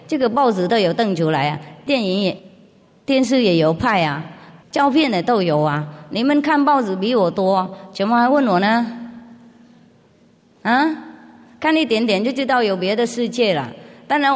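A woman with a foreign accent speaks simple, non-native Mandarin as a spiritual master answering questions informally, often with rhetorical questions. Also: medium pitch. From outside China. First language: not Mandarin. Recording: long reverb of a large hall.

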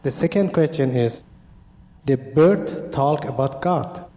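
Guy from iran asking a question, halting english, long hall reverb. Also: mid-range voice, warm tone. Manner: hesitant, simple phrasing, halting. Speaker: audience member asking a question.

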